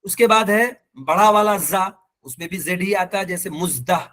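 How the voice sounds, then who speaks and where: A man teaching an online language lesson with a Pakistani accent, patient and repeating each example slowly. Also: sits high, bright, forceful tone. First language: Urdu.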